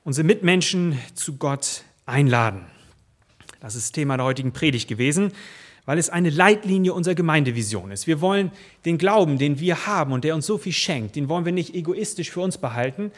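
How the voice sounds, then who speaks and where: A man's voice: on the high side, expressive, brisk. Conversational man preaching a sermon. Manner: conversational, with frequent quoted asides. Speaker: pastor.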